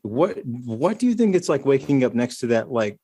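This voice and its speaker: Animated joking man, lively pitch. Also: normal speed, breathy edge. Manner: laughs often, swears freely. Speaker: podcast co-host. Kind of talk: casual comedic chat.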